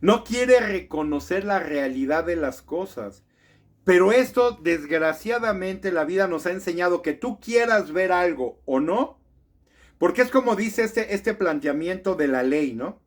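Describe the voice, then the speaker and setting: A man's voice: sits high, animated, unhurried. Indignant man, political rant. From Mexico. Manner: indignant, rhetorical questions, frequent tag "¿no?". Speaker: political commentator. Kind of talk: political commentary monologue.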